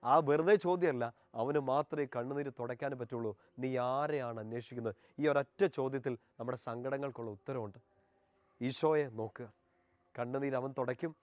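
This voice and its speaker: A man preaching a sermon, earnest and pleading, rising in force and then dropping soft. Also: mid-range voice, no echo.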